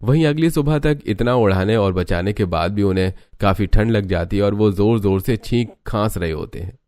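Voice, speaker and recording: A man narrates a cartoon moral story in a steady, matter-of-fact tone. His voice is low and recorded dry and close. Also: normal speed, no echo.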